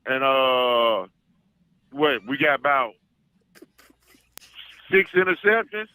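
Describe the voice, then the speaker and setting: A man with an Arkansas Southern accent, talking as an animated sports fan calling in, boastful and emphatic, repeating his phrases for effect. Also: medium pitch, slow, clean tone, poor audio. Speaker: call-in guest, self-styled football scout.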